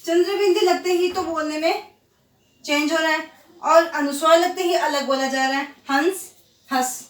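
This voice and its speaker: A woman teacher giving a grammar lesson to children, slowly repeating example words and answering her own questions. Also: very high-pitched, steady tone, distant mic. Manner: slow, drawn-out repetition of example words; asks questions and answers them herself. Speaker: school teacher. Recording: echoey room, voice set back from the mic.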